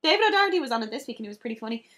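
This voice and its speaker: A woman's voice: a little high, animated, very fast, a crowd in the background. A woman co-hosting a podcast in casual chat, chatty and giggly, swearing casually. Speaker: podcast co-host.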